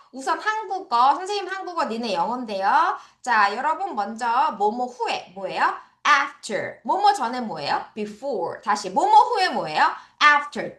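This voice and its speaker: A Korean woman leads children through English vocabulary, her voice set high and swinging widely as she drills each word. She speaks slowly and deliberately, and the sound carries the echo of a roomy space. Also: a bit bright. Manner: drills words, repeating and correcting pronunciation. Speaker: English teacher.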